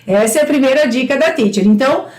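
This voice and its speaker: Brazilian teacher lady, high voice, roomy echo, slow english examples, encouraging. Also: expressive, a little mellow. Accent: Brazilian Portuguese. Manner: encouraging, repeats English phrases slowly. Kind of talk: live-streamed English lesson.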